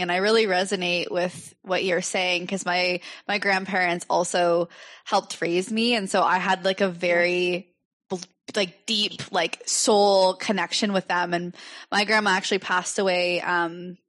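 A woman's voice: lowish voice, fairly bright tone. A woman hosting a podcast, speaking in an effusive, heartfelt way to her guest. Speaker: podcast host. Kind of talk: podcast conversation.

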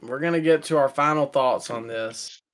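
A man's voice: medium pitch, normal speed. Chatty young man co-hosting a podcast. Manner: relaxed, chatty, laughs often. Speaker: podcast co-host. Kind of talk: casual chat.

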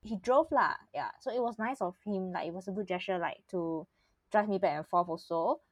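A woman's voice: on the low side, fairly quick, slightly rough, dry recording. A young woman with a Singaporean accent chatting casually and teasingly in colloquial Singlish, full of sentence-end particles, with a giggly manner. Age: young adult. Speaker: podcast host. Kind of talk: casual chat.

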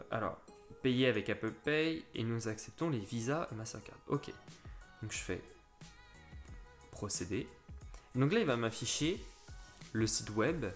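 A man hosting a casual step-by-step tutorial, talking viewers through an app with frequent restarts. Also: medium pitch. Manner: step-by-step, fillers and restarts, addresses viewers directly. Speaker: crypto tutorial host.

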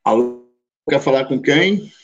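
A man's voice: medium pitch, lively intonation, measured pace. A man from Brazil, chatting over a glitchy call that keeps cutting out, laid-back and full of slang. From southern Brazil. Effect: glitchy call audio that drops out. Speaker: guest musician. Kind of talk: casual remote chat over a call. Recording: dull lo-fi call audio.

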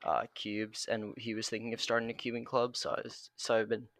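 A man's voice: mid-range voice, monotone, fairly quick, fairly bright tone, no echo, studio quality. A teenage boy chatting as a podcast guest, hesitant and full of fillers. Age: teens. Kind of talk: casual podcast chat.

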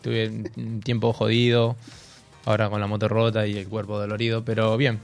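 A young man with a Rioplatense accent co-hosting a casual radio chat, telling a story in an animated way and laughing through it. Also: lowish voice, moderate pace, faint music behind. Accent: Rioplatense Spanish. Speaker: radio co-host. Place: radio studio.

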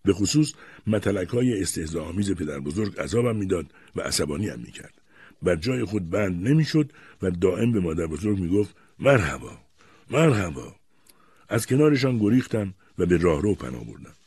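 A man narrating an audiobook in an expressive storytelling manner. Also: deep voice, breathy edge, dry recording. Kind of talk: scripted narration.

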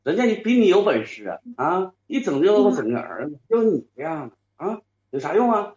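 A woman's voice: on the low side, big pitch swings, a little fast, darkish tone. Give me a woman doing a domineering, scolding husband in a comic radio skit, in a roomy, muffled recording. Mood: bullying. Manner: bullying, scolding, taunting. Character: domineering angry middle-aged husband. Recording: roomy, dull lo-fi sound.

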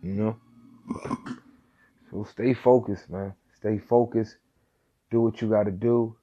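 An earnest man delivers a preachy motivational monologue, mixing casual slang and cursing into his advice. His voice sits low and a little husky. The recording is dull and lo-fi, with faint music underneath. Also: fairly even intonation, takes it slowly. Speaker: host of a motivational talk.

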